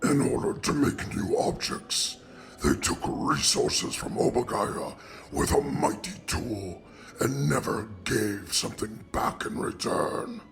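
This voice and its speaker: A man voicing a solemn, ancient godlike oracle who speaks as "we" in a slow, grave storytelling cadence. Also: lowish voice, creaky, exaggerated voice. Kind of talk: amateur fantasy audio drama.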